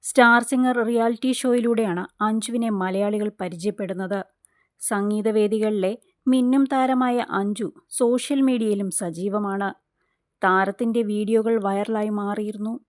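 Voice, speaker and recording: Female news voice-over, mid pitch, even measured read, dry close recording. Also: dry recording. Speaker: news narrator. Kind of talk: scripted entertainment news voice-over.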